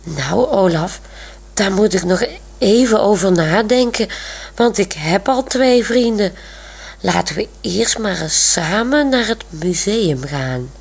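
A woman's voice: medium pitch, animated, slow, creaky, slightly rough, exaggerated voice. A woman voicing a proud, self-assured young woman who explains things plainly, in a radio story reading. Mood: matter-of-fact.

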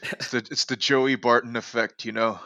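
Here a man co-hosts a laid-back sports podcast, speaking in a mid-range voice that's bright and forceful yet flat in delivery, at a moderate pace. He rambles with lots of fillers and restarts, recorded on a home podcast mic with no room sound.

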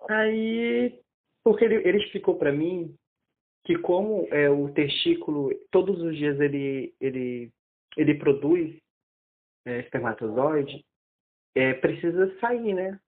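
A man's voice: on the high side, takes it slowly. Young man on a tinny phone-like line. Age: 20s. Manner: animated, acts out quoted dialogue, many restarts. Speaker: interviewee. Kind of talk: casual personal storytelling.

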